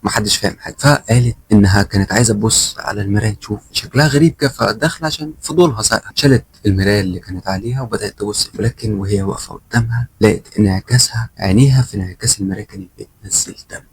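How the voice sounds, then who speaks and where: A young man with an Egyptian Arabic accent tells a first-person horror story at a rapid clip. His voice sits a little low and comes across husky. He talks in a loose, conversational way and slips into the lines of the people in his tale. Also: dry recording. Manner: fast, conversational retelling with quoted dialogue.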